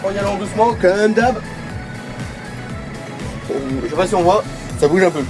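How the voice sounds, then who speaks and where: This farm vlogger is a young man with a cold, nose stuffed up, chatting hesitantly and repeating himself as he records his work from a tractor. He speaks at normal speed in a high-pitched voice while music plays in the background. We hear him in the tractor cab and out in the farmyard.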